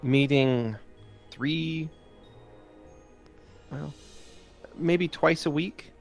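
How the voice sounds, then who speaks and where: A gracious older noblewoman, a mother of grown children, as a man puts her on. Her voice sits raised well above his own, soft and courtly, with pauses and a faint wistfulness. Soft background music plays underneath. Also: on the high side, pitched above the performer's own voice, heavily acted. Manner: genteel, hesitant, wistful.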